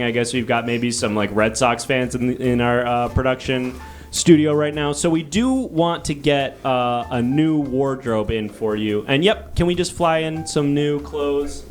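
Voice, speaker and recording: A man's voice: medium pitch, moderate pace. A man hosting an improvised comedy casting show in a rambling, conversational and polite manner. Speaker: host.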